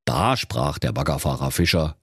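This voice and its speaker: A man's voice: a bass voice, expressive, normal speed, a bit bright, slightly rough, no echo, clean studio sound. A man narrating a comic fairy tale parody in a mock-solemn storybook tone.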